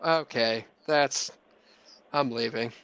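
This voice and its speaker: A man's voice: medium pitch, slow pace, creaky, fairly bright tone, clean tone, dry recording. A man co-hosting a podcast, chatting casually with crude, laughing banter. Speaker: podcast co-host. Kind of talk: casual chat.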